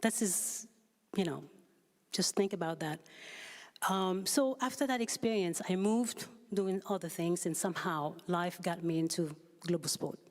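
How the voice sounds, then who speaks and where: Speaking at a measured pace in a lowish voice, a Haitian woman on a public forum panel shares a personal story without a script, pausing to find her words. The large hall around her is reverberant.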